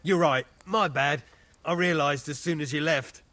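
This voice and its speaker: A man's voice: fairly high pitch, moderate pace, pushed and bright. An actor playing a sheepish, conspiratorial male character in a video game.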